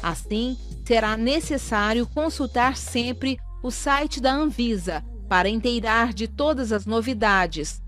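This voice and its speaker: A woman reading a scripted lesson for pharmacy assistants in a steady, even way. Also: on the high side, slow pace, few pauses, soft background music. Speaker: course narrator. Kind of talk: scripted instructional narration.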